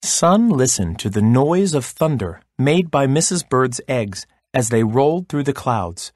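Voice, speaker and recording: A man reading a folk tale aloud as a storyteller, slow and expressive. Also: mid-range voice, no echo, clean studio sound.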